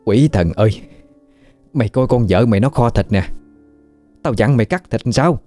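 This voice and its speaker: A man voicing a bossy, scolding older woman healer, raised into a shrill nagging voice. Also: animated, moderate pace, darkish tone, soft background music, close to an everyday voice.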